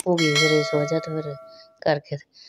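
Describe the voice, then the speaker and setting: A woman with a Punjabi accent, a guest at her home, answering in a hesitant, halting way. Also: sits low, completely flat delivery, over music. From Pakistan. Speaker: interview guest. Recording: distant, dull audio.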